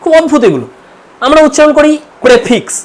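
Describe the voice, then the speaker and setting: Fast-talking teacher from India. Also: male voice, very high voice, lively intonation. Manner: explanatory, repeats words slowly to model sounds. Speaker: English teacher. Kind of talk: online pronunciation lesson.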